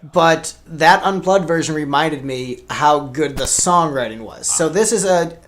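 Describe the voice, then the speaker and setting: A man's voice: fairly high pitch, animated, a little slow, a bit bright, a little hiss or hum. A man hosting a podcast panel, giving opinions in a casual chat and laughing easily. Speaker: podcast host.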